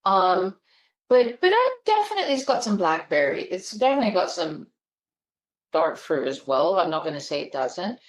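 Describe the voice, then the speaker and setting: A woman's voice: on the low side, very animated, moderate pace. A woman hosting a casual wine-tasting chat as a sommelier, explaining in a chatty teacher's way. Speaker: sommelier host. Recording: dull lo-fi recording.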